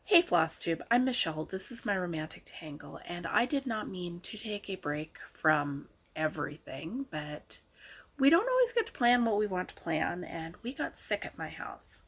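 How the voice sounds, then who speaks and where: Husky, under-the-weather woman vlogger. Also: fairly low pitch, big pitch swings, a little slow, fairly bright tone. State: sick with a sore throat, slightly hoarse. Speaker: craft vlog host. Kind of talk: casual vlog chat.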